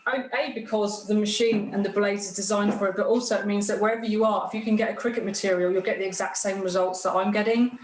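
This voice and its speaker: A woman giving an informal hands-on demonstration, explaining each step in a plain-spoken way. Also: medium pitch. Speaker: guest craftsperson demonstrating a cutting machine. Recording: roomy echo with clear background noise.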